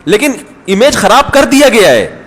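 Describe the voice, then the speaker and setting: High-voiced male cleric in a reverberant hall. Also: very animated, fairly bright tone, breathy edge. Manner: conversational, anecdotal, acts out voices in stories. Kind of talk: storytelling religious talk.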